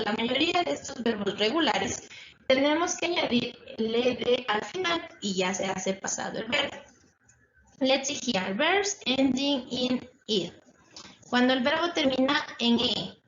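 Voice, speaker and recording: With a high-pitched, fairly bright voice, a woman teaches English in a recorded lesson for distance school, explaining slowly and repetitively with check-in questions throughout. It's a dull, echoey lo-fi room recording carrying a little hiss or hum.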